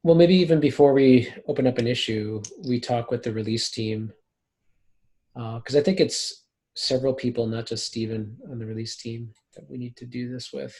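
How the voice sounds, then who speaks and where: A man's voice: medium pitch, moderate pace, a little mellow. A man leading a technical meeting over a video call, talking casually with a dry, sarcastic humor. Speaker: meeting lead. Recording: roomy video call audio.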